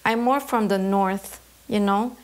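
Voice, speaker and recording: In a mid-range voice, a Canadian embroidery artist reflects on interview questions, stopping frequently as she searches for the right words.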